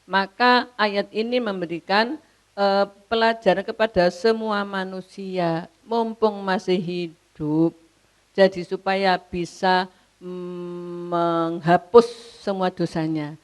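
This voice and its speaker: An older woman with a Javanese accent giving a religious lecture, answering a question in an animated way and reciting verses slowly. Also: medium pitch. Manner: animated, mixes in local dialect, laughs, recites verses slowly. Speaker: preacher.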